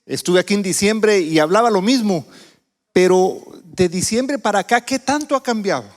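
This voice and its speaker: High-voiced preacher in a reverberant church. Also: male voice, animated, normal speed. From Guatemala. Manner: conversational, asks the congregation questions. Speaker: visiting preacher. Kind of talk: sermon. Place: church sanctuary.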